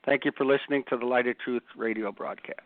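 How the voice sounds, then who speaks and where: A man's voice: medium pitch, fairly even intonation, fast talker. A man co-hosting a ministry radio show, blunt and rising to fervent emphasis. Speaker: ministry co-host. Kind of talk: impassioned radio commentary. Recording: dry, phone-like lo-fi line.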